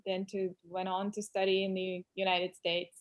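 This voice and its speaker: A woman's voice: mid-range voice, monotone, moderate pace. Woman telling her story. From Russia. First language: Russian. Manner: candid, reflective storytelling. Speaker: employment lawyer, guest. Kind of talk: casual interview chat.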